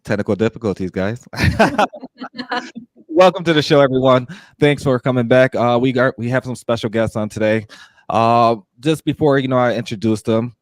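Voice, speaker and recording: A man's voice: mid-range voice, lively intonation, moderate pace, dry recording. A man co-hosting a podcast over a group video call, chatting casually in a loose, rambling way with many fillers and restarts. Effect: heard over a group video call. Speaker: podcast co-host. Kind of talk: casual chat.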